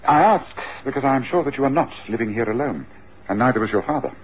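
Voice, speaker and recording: An actor playing Sherlock Holmes, a calm, commanding detective who talks in a measured and gently reassuring way. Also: male voice, medium pitch, a little hiss or hum, lightly acted. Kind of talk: radio drama acting. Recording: muffled radio drama recording.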